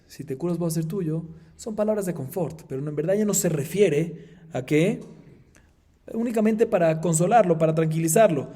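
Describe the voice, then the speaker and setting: A Colombian rabbi teaches a Talmud class, explaining the text with animated energy and emphatic high points. He chants the Aramaic passages aloud.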